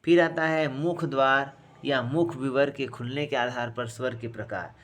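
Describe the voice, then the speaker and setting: Slow, deliberate male grammar teacher. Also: mid-range voice, fairly even intonation, slight background noise. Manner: slow and deliberate, repeats terms, says each sound aloud; addresses students as friends. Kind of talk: recorded grammar lesson.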